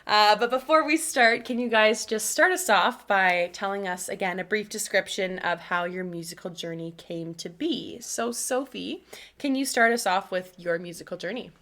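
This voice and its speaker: A woman's voice: medium pitch, moderate pace, sharp tone. A Canadian woman co-hosting a casual talk show, upbeat and encouraging. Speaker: co-host.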